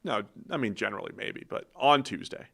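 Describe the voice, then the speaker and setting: A man co-hosting a casual football podcast, trading quick banter and introducing the games. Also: lowish voice, animated, gravelly, fairly bright tone, husky. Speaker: podcast co-host, football analyst. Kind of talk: casual sports podcast chat.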